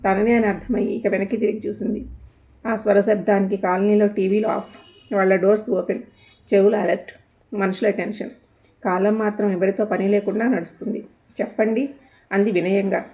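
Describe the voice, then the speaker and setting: A woman's voice: medium pitch, little pitch movement, brisk, dark tone, muffled recording. A woman narrating a scripted story in a poetic, descriptive way.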